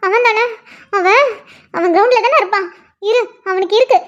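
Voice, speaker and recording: A defiant cartoon schoolgirl, voiced by a woman, who snaps back with sharp, indignant retorts. Her voice sits extremely high. The recording is dull and lo-fi. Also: fairly quick. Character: feisty defiant schoolgirl, quick to fight back. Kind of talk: cartoon voice acting. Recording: dull lo-fi audio.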